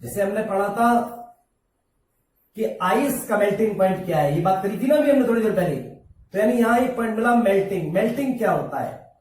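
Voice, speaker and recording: High-voiced teacher in an echoey room. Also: male voice, expressive, darkish tone, recorded from a distance. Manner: slow, repeats key terms, asks and answers his own questions. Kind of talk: classroom lesson.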